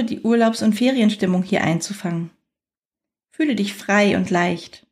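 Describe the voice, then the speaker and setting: A woman with a mid-pitched voice leads a guided relaxation. She reads in a soothing, unhurried way. Long pauses separate her phrases, as in a scripted meditation. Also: a little mellow. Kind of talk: guided fantasy journey, scripted relaxation narration.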